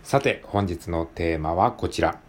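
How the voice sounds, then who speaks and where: A man hosting his own podcast, talking alone in a polite, relaxed way with many drawn-out fillers. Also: sits low, a little hiss or hum. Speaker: podcast host. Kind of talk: casual solo podcast talk.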